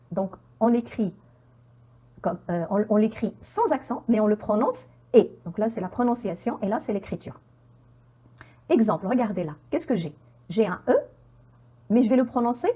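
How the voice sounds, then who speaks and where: A woman teaching pronunciation in an online lesson, repeating words slowly and quizzing the viewer with encouraging checks. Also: fairly high pitch, warm tone, husky. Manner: encouraging, with frequent "hein?" checks.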